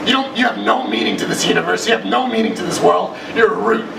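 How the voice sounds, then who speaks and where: A young man hosting an absurd comedy cooking sketch in a home kitchen, rambling and trading deadpan insults. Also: high voice, fast, creaky, distant mic. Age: young adult. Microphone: camera mic. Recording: roomy, noisy home video audio.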